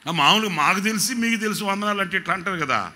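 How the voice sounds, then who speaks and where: A man preaching at a whole-night prayer service, shouting to the congregation, then dropping low to tell joking stories. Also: fast. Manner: shouting, urging the crowd to clap and say amen; drops to a low, joking storytelling tone. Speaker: pastor.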